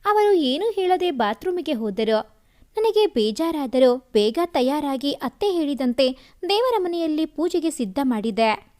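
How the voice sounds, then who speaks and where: A woman storyteller reading a family story aloud with expressive, emotional narration. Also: sits high, unhurried.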